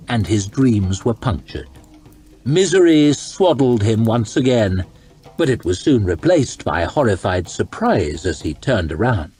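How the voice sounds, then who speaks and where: A husky-voiced man reads a dark fantasy story in a calm ASMR storytime style. He takes it slowly and lets his pitch rise and fall a great deal for drama.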